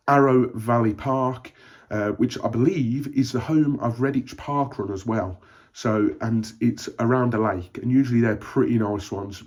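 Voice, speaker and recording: Chatty Birmingham man, low voice. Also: darkish tone. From Birmingham, England. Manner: chatty and encouraging, frequent ums and uhs. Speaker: running vlogger. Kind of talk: casual vlog talk to camera.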